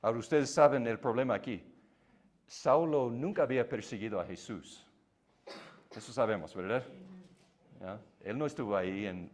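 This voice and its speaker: A native English speaker with a fairly low-pitched voice teaches a Bible class in Spanish, explaining patiently and often using tag questions.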